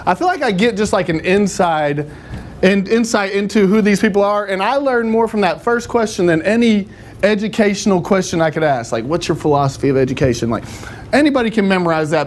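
A man teaching a church class in a casual, joking, rambling way. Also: high voice. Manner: joking, rambling, self-deprecating.

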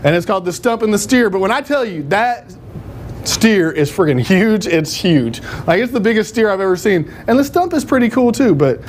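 A man's voice: high-pitched, animated, normal speed, slight background noise. A man teaching a church class in a casual, joking, rambling way. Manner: joking, rambling, self-deprecating.

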